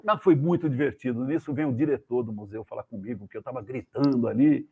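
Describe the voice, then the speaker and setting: A man with a Brazilian accent, a guest journalist, telling anecdotes in a casual, animated way and acting out the voices of the people in them. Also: medium pitch, quick pace, breathy edge. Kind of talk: casual storytelling. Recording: tinny phone-like video call audio.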